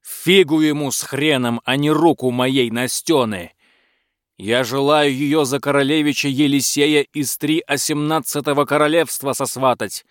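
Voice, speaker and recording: A man's voice: medium pitch, fairly even intonation, moderate pace, dry recording, clean studio sound, lightly acted. A man voicing a grumpy, hot-tempered old tsar who grumbles and roars. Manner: grumbling, bellowing.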